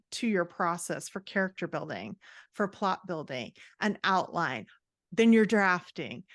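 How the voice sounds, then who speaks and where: In a dry, studio-quality recording, a woman with a mid-range, slightly bright voice guests on a podcast as a writing coach. She talks through her ideas in a conversational way, encouraging and reflective, giving advice.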